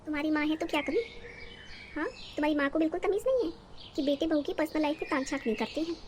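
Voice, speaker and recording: A combative young wife with a sharp tongue and a high voice, who scolds and mocks at every turn, as a woman voices her. She is the resentful daughter-in-law of a cartoon family story. Her delivery is sarcastic and quarrelsome. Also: quick pace, a little hiss or hum, natural voice. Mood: angry.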